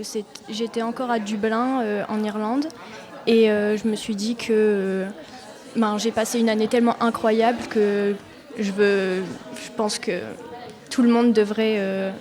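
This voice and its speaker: A young woman, a student, answering as a radio panel guest, soft and hesitant. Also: fairly high pitch. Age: young adult. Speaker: student, programme ambassador. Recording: crowd noise at a public event.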